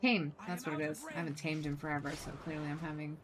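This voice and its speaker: A woman with a fairly low voice chats casually on a gaming livestream. She thinks aloud as she plays, moving between muttered asides and livelier remarks, with faint music behind her. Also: flat delivery, fast talker. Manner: chatty, thinking aloud, swinging from muttering to exclaiming. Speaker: game streamer.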